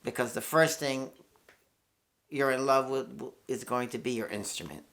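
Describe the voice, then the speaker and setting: A New York guitarist and channel host in his sixties talks to camera in a casual, rambling, candid monologue full of swearing and restarts. His mid-range voice is creaky and fairly bright, at normal speed.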